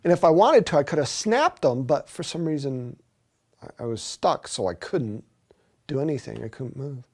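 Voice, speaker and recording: A man's voice: mid-range voice, lively intonation, moderate pace, darkish tone. A man earnestly recounting a personal experience as an interviewee, with emphatic storytelling.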